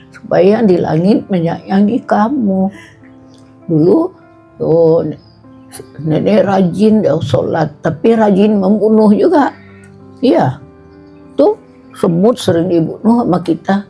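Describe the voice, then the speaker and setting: Woman religious speaker, husky dark voice, unhurried homely delivery. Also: mid-range voice, faint music behind. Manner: homely, colloquial, repeating points with "nah" and "tuh". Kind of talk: casual religious talk to staff.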